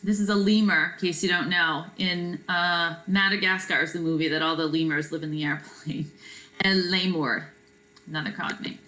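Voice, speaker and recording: A woman teaching a Spanish vocabulary lesson in a relaxed, chatty way, often checking in with "right?" and filling pauses with "um.". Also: lowish voice, rough recording. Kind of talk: recorded classroom vocabulary lesson.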